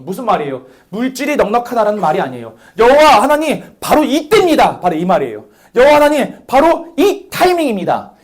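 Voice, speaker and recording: A young man delivers a youth sermon in a high, lively voice. He asks rhetorical questions and calls listeners by name as he preaches. His pitch swings widely from phrase to phrase. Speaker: youth pastor.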